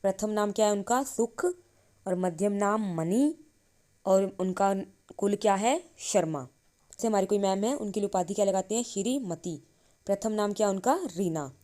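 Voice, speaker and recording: Mellow-voiced woman teaching a grammar lesson. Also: mid-range voice. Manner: asks questions and answers them herself; slow, drawn-out reading of syllables. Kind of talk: Sanskrit grammar lesson explained in Hindi.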